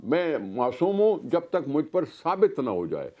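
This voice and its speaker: A man's voice: fairly high pitch, sing-song, measured pace, highs cut off, soft background music. A man with a Pakistani Urdu accent, a political guest making a heated, argumentative case on a talk show. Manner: forceful, rhetorical questions.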